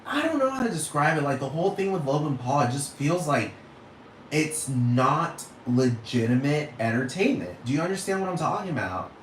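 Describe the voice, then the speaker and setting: A young man with a Puerto Rican accent, born in Puerto Rico and raised in Texas, hosts a solo podcast, his fairly high voice very animated at a moderate pace. He rants in a rambling, profane way and keeps asking if you understand. The room sounds roomy with faint ambience and a little hiss or hum.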